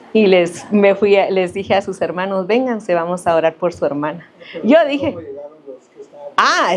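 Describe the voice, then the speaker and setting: Middle-aged female preacher from Central America, mid-range voice, lively storytelling sermon. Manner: animated storytelling, rises in pitch for emphasis. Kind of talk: sermon with personal testimony.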